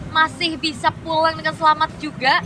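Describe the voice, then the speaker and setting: A woman's voice: high-pitched, level tone, a little fast, a crowd in the background. A woman with an Indonesian accent giving live game commentary and analysis as an esports caster. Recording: noisy crowded arena, slightly distant mic.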